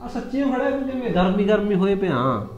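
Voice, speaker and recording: A man's voice: high voice, very animated, brisk, faint music behind. A young man playing a joking husband who wheedles and pleads to win over his sulking wife. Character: coaxing young village husband. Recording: echoey, slightly muffled.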